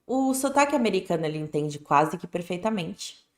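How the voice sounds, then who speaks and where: Woman teacher talking casually, kinda low voice, a bit roomy. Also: animated, normal speed. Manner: chatty, explanatory, rising with emphasis. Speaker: English teacher. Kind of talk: casual online lesson.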